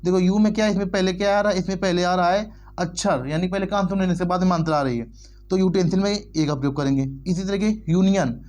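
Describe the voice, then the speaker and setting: Slow, repetitive Hindi grammar teacher. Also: male voice, high-pitched, darkish tone. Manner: repeats words slowly, spells them out letter by letter. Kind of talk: explanatory lesson in Hindi.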